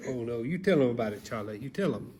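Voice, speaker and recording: A man playing an excitable, folksy character who hams up his reactions to a storybook, exclaiming and repeating himself. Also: mid-range voice, quick pace, background noise, natural voice. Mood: folksy, knowing. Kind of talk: theatrical banter during a read-aloud.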